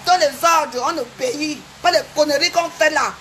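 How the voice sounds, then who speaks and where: A woman's voice: high voice, moderate pace, fairly bright tone, a little hiss or hum. A woman on a livestream, boasting and mocking her rivals in a repetitive, taunting rant. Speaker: social media livestreamer.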